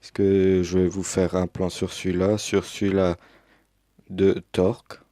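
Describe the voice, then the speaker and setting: A man's voice: low-pitched, level tone, a little slow, mellow, dry recording, clean studio sound. A young man casually commenting as he unboxes a game edition, hesitant with many fillers, recorded on a headset mic. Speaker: unboxing youtuber.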